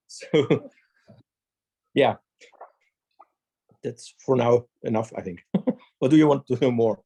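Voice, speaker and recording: A man's voice: mid-range voice, slow pace, pauses often, mellow, breathy edge, dry recording. A man from Germany, a 3D printing trainer, introducing himself on a video call in a chatty way. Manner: chatty, laughs often.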